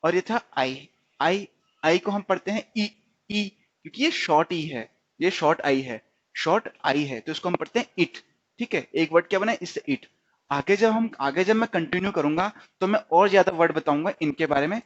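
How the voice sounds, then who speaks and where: A man's voice: fairly high pitch, lively intonation, normal speed. A man teaching stenography in a recorded tutorial, often repeating words and quizzing himself. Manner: repeats and quizzes himself, frequent "theek hai". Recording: dull lo-fi recording.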